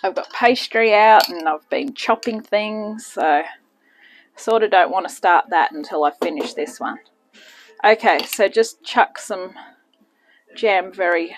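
A woman's voice: medium pitch, unhurried, faint music behind, low-quality recording. A woman hosting a casual home cooking demonstration in her kitchen, chatty and self-deprecating with rambling asides. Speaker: home cooking channel host.

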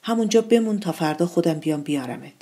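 A woman voicing a busy, protective mother with a husky voice, speaking firmly. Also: fairly low pitch, expressive, warm tone. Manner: firm, protective. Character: busy caring mother baking bread, middle-aged.

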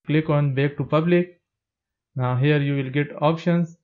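A man narrating a step-by-step tech tutorial as a plain, steady voice-over. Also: on the high side, measured pace, phone-quality sound.

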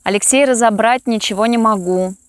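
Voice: mid-range voice, fairly quick. A base radio operator heard through a field radio set, giving short clipped replies. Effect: heard over a field radio set. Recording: crackly radio hiss, noisy outdoors.

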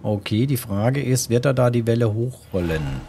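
A man's voice: medium pitch, lively intonation, normal speed, dark tone, slight background noise. A man giving casual gameplay commentary, musing and thinking aloud to himself as he plays. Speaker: gamer, let's play host.

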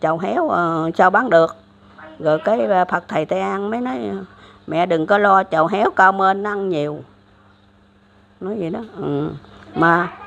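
Gravelly older Southern Vietnamese woman. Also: fairly low pitch, a bit bright. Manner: rambling, many fillers and restarts. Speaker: elderly storyteller. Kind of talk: casual religious storytelling. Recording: dull lo-fi recording.

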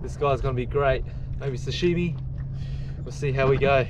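With wind and water noise in the background, an action camera fixed to his kayak records a man in his forties with an Australian accent. He's a fishing vlogger on an open bay, talking excitedly to viewers in casual running commentary at medium pitch and normal speed.

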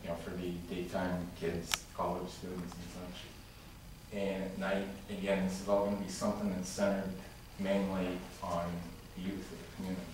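Man speaking at a council meeting, low voice, flat delivery, echoey distant room, noisy. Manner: halting, many fillers and restarts. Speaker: public commenter at a city council meeting. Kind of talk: public comment. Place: large council chamber with tall windows. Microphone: room mic from far off. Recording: echoey chamber recorded from far off with noise.

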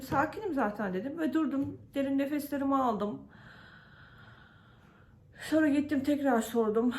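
A woman's voice: a little high, a little mellow, slight background noise. Turkish woman venting about bureaucracy. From Turkey. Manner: venting frustration, many fillers, quotes others. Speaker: vlogger. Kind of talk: casual personal vlog.

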